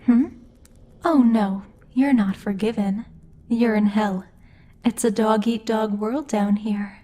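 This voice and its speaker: In an ASMR roleplay, a woman plays a commanding demon lord, measured, imperious, and teasing, like a strict but protective boss, with a coldly threatening mood. Her mid-range voice is steady and dark in tone.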